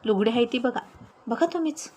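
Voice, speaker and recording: A woman's voice: fairly high pitch, moderate pace, a little mellow, close to an everyday voice. A woman doing bossy rustic village girl. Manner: brash and scolding, rough village speech. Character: bold rustic young village woman, bossy and quick-witted.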